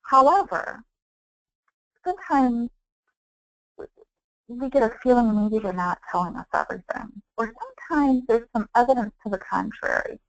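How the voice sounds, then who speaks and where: Gravelly woman giving a training talk. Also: on the high side, expressive, normal speed, pauses often, no room sound, poor audio. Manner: conversational, acts out client calls with quoted dialogue. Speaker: Medicare counselor and trainer. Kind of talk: training presentation.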